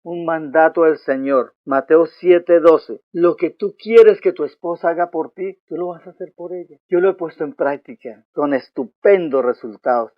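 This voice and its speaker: An older man preaching a sermon on marriage, swinging between hushed, gentle passages and loud, forceful ones. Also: on the high side, normal speed, hardly any pauses, no room sound, highs cut off. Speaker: pastor.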